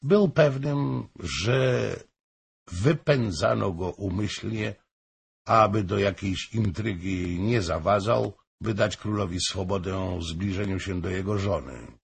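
A man narrating a historical novel as an audiobook, slow and expressive. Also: on the low side, creaky, husky.

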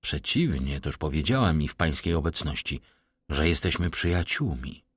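A man's voice: a bass voice, animated, normal speed, breathy edge, no room sound, clean studio sound, heavily acted. A man voicing an eager young aristocrat who exclaims with agitation. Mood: lively.

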